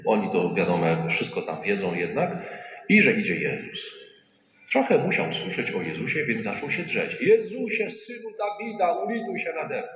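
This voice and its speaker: A man's voice: on the low side, fairly bright tone, slight background noise. A male priest giving a sermon in a colloquial, humorous way, often acting out quoted voices. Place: church. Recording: echoey church hall with faint ambience.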